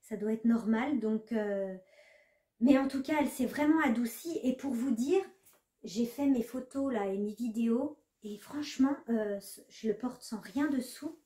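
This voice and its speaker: A woman's voice: on the high side, unhurried, warm tone. A woman knitting vlogger chatting casually to the camera, hesitant, with many fillers. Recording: echoey room.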